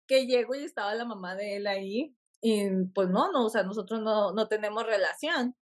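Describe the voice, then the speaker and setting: A woman, a podcast guest, telling a personal story in a lively conversational way and laughing often. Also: mid-range voice, moderate pace.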